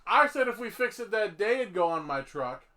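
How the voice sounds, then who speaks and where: A man's voice: high voice, very animated, fairly quick, sharp tone. A man hosting a podcast, rambling through a casual comedic chat and laughing often. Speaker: podcast host.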